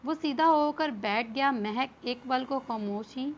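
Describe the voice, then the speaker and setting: High-voiced woman reading a novel. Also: a little slow. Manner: steady storytelling read-aloud. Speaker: novel reader. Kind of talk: scripted narration of a novel. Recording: dull lo-fi with faint hiss.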